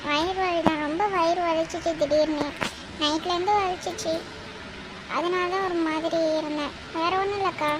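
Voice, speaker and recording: A woman voicing a meek, hurt young woman in a cartoon, speaking softly and hesitantly. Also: very high voice, fairly even intonation, normal speed, background noise. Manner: hesitant, soft. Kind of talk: cartoon voice acting. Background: music.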